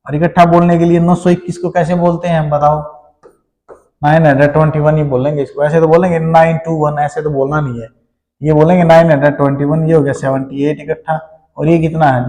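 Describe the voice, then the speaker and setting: A man's voice: a little high, dark tone. Indian man teaching math in a hall. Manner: explains step by step, often checks in with "ठीक है". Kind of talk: classroom math lesson.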